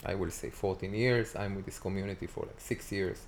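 A man in his forties with an Israeli accent, talking as a guest in a casual interview and often pausing to search for words. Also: sits low, steady tone, a little hiss or hum. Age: 40s. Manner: halting, searching for words with many fillers.

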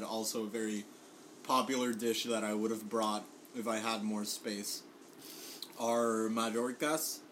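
A man's voice: mid-range voice, fairly bright tone, rough recording. Puerto rican guy, casual food chat, swears a lot, lots of ums, faint room hum. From Puerto Rico. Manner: swears often, chatty with fillers and laughs. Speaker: guest bringing food.

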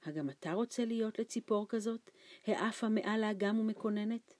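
A woman reading an audiobook, voicing a frightened, starving old man who talks in anxious, hushed pleas. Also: no room sound, lightly acted. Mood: fearful. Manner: anxious hushed pleading, raised pitch. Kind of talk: audiobook character voice.

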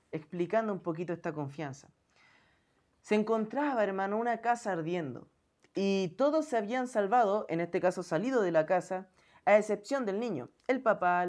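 A woman's voice: mid-range voice, a little mellow. A woman preaching an earnest sermon, often calling her listeners brother.

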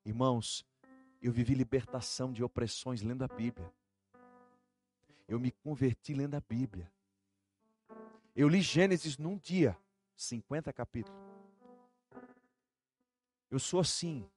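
A man preaching a sermon with a Brazilian Portuguese accent, swinging from soft musing to shouted fervor. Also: medium pitch, unhurried, long pauses, faint music behind. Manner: colloquial, storytelling with acted prayers. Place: church.

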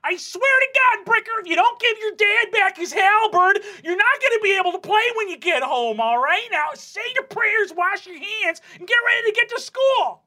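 A woman voicing a devout, fussy middle-aged paladin mother who nags and dotes in a high voice. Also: expressive, fairly bright tone, slightly rough, exaggerated voice. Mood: nagging. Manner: high, doting, quick nagging.

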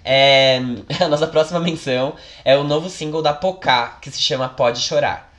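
A man's voice: fairly high pitch, normal speed, a bit bright. A man co-hosting a music podcast. He reads out the new releases in an easy, chatty way. He keeps dropping in jokey asides. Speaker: podcast co-host. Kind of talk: casual music chat.

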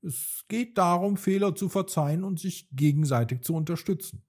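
A man reading a bedtime story aloud in a gentle storytelling manner. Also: high voice, normal speed, slightly rough. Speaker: narrator. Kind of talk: scripted bedtime story narration.

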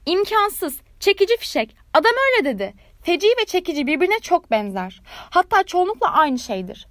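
Woman playing a haughty storybook firework rocket, high-pitched, indignant, puffed up with self-importance. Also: very animated, normal speed, fairly bright tone, no echo, clean studio sound.

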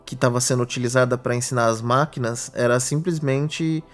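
A Brazilian man of middle pitch talks through a technical subject in casual podcast chat. He explains patiently, leaning on everyday examples. Faint music sits under his voice. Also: steady tone, brisk. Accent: Brazilian Portuguese.

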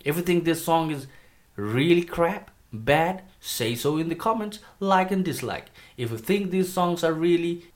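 Reviewing rap songs in a relaxed video, this man from Nepal, a native Nepali speaker, talks with chatty enthusiasm and jokes about his put-on accent. His voice is fairly high and animated, at a measured pace.

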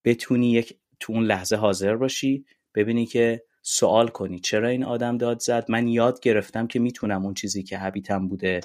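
A podcast guest, eagerly explaining ideas in casual conversation and mixing in English terms. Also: male voice, lowish voice, steady tone, hardly any pauses, a little mellow.

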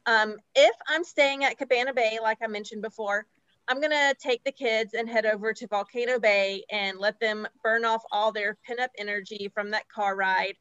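A chatty woman co-host talking casually and laughing easily. Her voice sits somewhat high, and it comes through slightly dull and dry. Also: fairly even intonation, normal speed, fairly bright tone, smooth, no echo. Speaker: podcast co-host. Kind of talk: casual chat.

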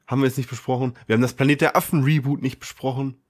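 A man chats as a podcast co-host. He is enthusiastic and slangy, mixing in English loanwords. His pitch is average. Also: fairly even intonation, racing. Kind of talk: casual chat.

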